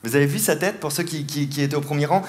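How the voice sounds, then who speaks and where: A man with a fairly high voice and quick pace performs live stand-up mentalism in a large theatre. Teasing and playful with volunteers, he laughs frequently, and the live recording picks up audience laughter and applause.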